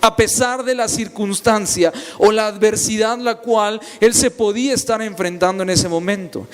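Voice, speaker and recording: Young guy preaching, pretty high voice, big reverb, storytelling with lots of repeats. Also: clean tone. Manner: storytelling, repetitive emphatic phrasing. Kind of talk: sermon. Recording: long reverb, faint ambience.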